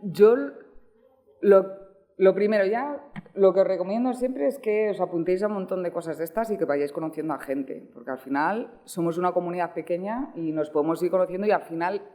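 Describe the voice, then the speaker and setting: A woman's voice: on the low side, brisk, dark tone. A woman from giving a guest lecture and taking questions, talking conversationally and often checking in with her listeners. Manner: conversational, frequent checking "¿vale?". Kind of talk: lecture with audience Q&A.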